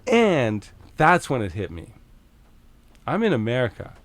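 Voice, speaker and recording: A middle-aged Canadian man telling a story as a podcast guest, casual and animated, swearing freely and acting out the back-and-forth. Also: medium pitch, measured pace. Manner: animated, swears freely, acts out quoted exchanges.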